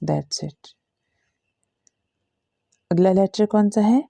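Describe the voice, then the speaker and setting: A woman's voice: mid-range voice, drawn-out words, vocal fry, mellow, dry recording. A woman teaching Quran reading, patiently drawing out and demonstrating each letter in a step-by-step lesson with an Urdu-Hindi accent. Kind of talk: slow step-by-step recitation lesson.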